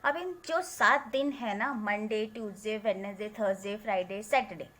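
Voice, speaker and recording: A woman's voice: mid-range voice, moderate pace, a bit bright, close to an everyday voice. A woman voicing a playful, shrewd old grandfather who teases and encourages his grandson in a told story. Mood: coaxing. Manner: teasing, encouraging, upbeat.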